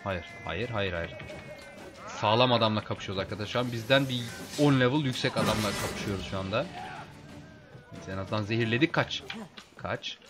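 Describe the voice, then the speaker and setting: A man casually commenting on a video game as he plays, chatting with his viewers as friends and getting excited in fights. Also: fairly low pitch, brisk, over music. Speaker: let's play host.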